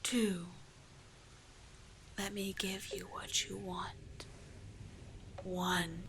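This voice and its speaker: A woman performs an ASMR roleplay as a seductive, doting, manipulative sea witch of the deep caves, using a slow, hypnotic sleep-aid delivery. Her mid-pitched voice is breathy, whispery and level, coaxing and lingering on words with a commanding, hypnotic mood. Clearly noisy ambience sits underneath.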